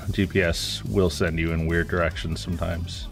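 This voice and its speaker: A man with a very low voice talks through his game in a loose, rambling way as a streamer. He sounds stuffy and congested from a cold. Faint music plays behind him. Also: unhurried, gravelly. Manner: casual, rambling, relaxed. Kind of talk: live gameplay commentary.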